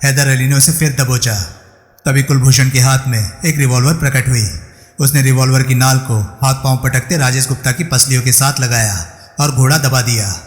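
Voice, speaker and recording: A man narrating a crime thriller audiobook in a steady storytelling manner. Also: medium pitch, moderate pace. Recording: echoey room with long reverb.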